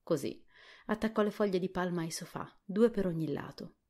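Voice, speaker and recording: Woman narrator, low-pitched, soft and hushed, whispered role-play storybook. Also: normal speed. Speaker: audiobook narrator.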